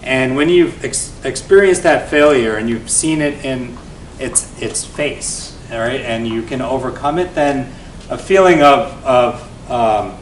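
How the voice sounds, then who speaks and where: A man in his forties, a venture investor and guest speaker, telling his founder story to an event audience in an energetic, conversational way that often tags points with "right?". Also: unhurried. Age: 40s. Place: event venue before an audience. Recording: roomy, distant mic with faint rumble.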